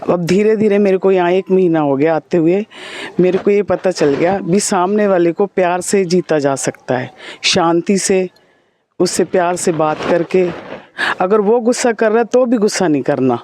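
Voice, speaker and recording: A woman's voice: on the low side, moderate pace, dark tone, a little hiss or hum. Modest woman sharing a personal experience. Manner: simple, hesitant and modest. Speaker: meditation course participant.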